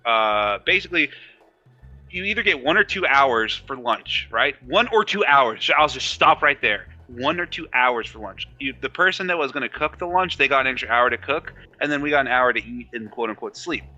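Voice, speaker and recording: A man's voice: mid-range voice, animated, normal speed, pushed and bright, dull audio, faint music behind. A young man hosting a casual podcast, telling profanity-laced stories and mimicking other people in a raised voice. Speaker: podcast host. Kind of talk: casual chat.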